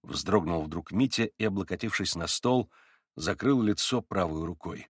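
A man narrating a classic novel as an audiobook in an even, measured way. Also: deep voice, breathy edge, no room sound, studio quality. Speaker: audiobook reader.

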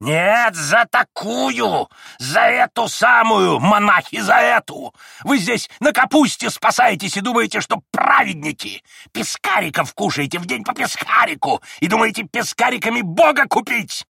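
A man voicing a shrill, raging old man who screeches and splutters with every word. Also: normal speed, creaky, pushed and bright, breathy edge, no room sound, studio quality, heavily acted. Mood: ranting.

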